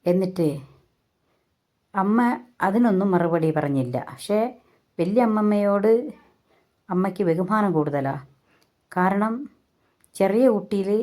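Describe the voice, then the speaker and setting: A woman, calmly recounting a family story in a reflective way. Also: medium pitch. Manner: calm, reflective narrating.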